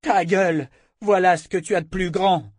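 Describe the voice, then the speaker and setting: A man's voice: a little high, normal speed, no room sound, clean studio sound, pitched above the performer's own voice, lightly acted. A man voicing Callan, a scornful captive woman. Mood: taunting. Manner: taunting, scornful. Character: defiant, mocking captive woman inquisitor. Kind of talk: audiobook reading.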